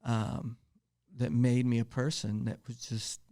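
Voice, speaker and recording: A man's voice: medium pitch, level tone, a little slow, dark tone. A man from Philadelphia, an evangelist guest on a podcast, earnestly telling his personal testimony in casual conversation. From Philadelphia, USA. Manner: earnest storyteller who acts out the voices in his quotes.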